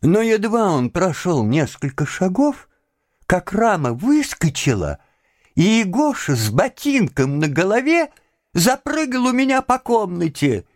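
A man narrating a story in a lively, expressive storytelling manner. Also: sits high, unhurried, dry recording, clean studio sound.

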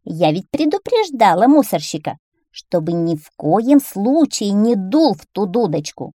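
A woman's voice: mid-range voice, very animated, unhurried, dark tone, dry recording, clean studio sound. A woman voicing a skinny lady who speaks in a wry, matter-of-fact way. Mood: knowing. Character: skinny lady, knowing and calm.

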